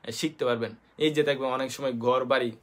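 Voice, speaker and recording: A man from Bangladesh with a Bangladeshi Bengali accent, hosting a casual live-stream lesson on basic Japanese. He talks hesitantly with many fillers, spells letters out slowly, and greets viewers by name. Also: mid-range voice, fairly even intonation. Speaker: host teaching basic Japanese.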